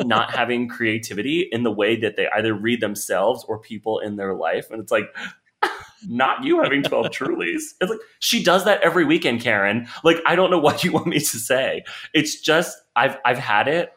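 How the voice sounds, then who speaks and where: A young man hosting a podcast, ranting in a casual, animated way with sudden leaps into a high voice. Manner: animated ranting with big pitch jumps. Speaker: podcast host.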